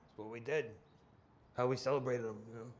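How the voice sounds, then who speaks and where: Actor as streetwise, scheming New gangster. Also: male voice, medium pitch, steady tone, a little fast, close to an everyday voice. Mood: wistful, confiding. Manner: streetwise, colloquial, persuasive. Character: scheming, ambitious middle-aged male gangster, streetwise and sentimental. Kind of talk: screen crime drama acting. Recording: faint background ambience.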